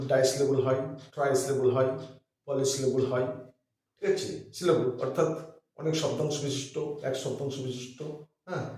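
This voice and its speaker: A male English teacher with a Bengali accent giving a lesson at a board, explaining slowly and spelling words out letter by letter. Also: medium pitch, a little mellow. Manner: frequent checking fillers. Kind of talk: classroom lesson. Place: classroom with a board. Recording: very echoey room, far from mic.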